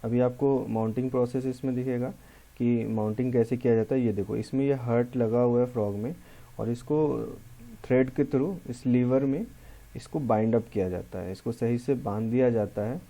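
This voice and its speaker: A man's voice: medium pitch, steady tone, moderate pace, mellow. A man with a Hindi accent, a pharmacy lecturer explaining a lab experiment step by step, often repeating key terms. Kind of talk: classroom lecture walkthrough.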